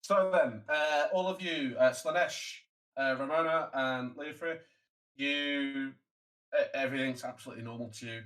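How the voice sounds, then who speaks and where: A man's voice: medium pitch, normal speed, fairly bright tone, low-quality recording. A man with a middling voice runs a tabletop game. He narrates casually as game master, swearing freely and joking bluntly with the players.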